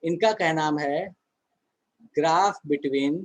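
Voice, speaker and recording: A male teacher leads an online chemistry class in a relaxed, conversational way, throwing out questions to his students and answering them himself. His voice sits a little higher than most men's. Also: extremely slow, low-quality recording.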